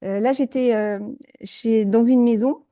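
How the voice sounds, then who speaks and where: A woman guest in a casual interview, telling her own stories in an animated, exclamatory way, full of fillers and restarts. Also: on the high side, measured pace. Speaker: energy healer guest.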